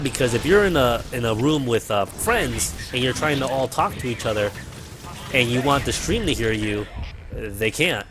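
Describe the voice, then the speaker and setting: Streaming games from his apartment, a man with a mid-range voice talks casually into a cheap mic held close to his mouth. He rambles, using fillers and the odd curse.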